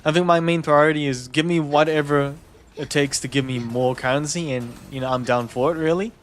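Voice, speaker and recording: A man's voice: a little high, fairly even intonation, a little fast. A young man with a New Zealand accent chatting casually with stream viewers, easygoing, chuckling often and repeating words. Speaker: game streamer.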